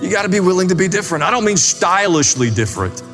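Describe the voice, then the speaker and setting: Fast and sing-song, this man's high-pitched voice carries a sermon through a long reverberant hall, faint music audible in the background. The pastor is emphatic and direct, underlining each point with short phrases he repeats.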